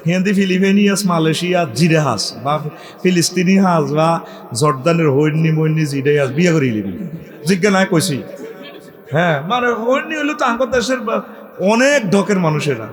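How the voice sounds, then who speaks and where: Guy preaching to a crowd, fairly high voice, jokes around, sings bits. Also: big-room sound. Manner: joking, calls out to crowd, sings phrases. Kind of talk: humorous sermon.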